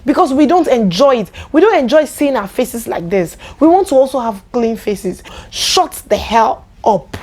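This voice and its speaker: A woman's voice: high voice, expressive, a little mellow. Exasperated Nigerian woman ranting. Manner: exasperated, rapid rhetorical questions. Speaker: vlogger. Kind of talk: angry rant to camera.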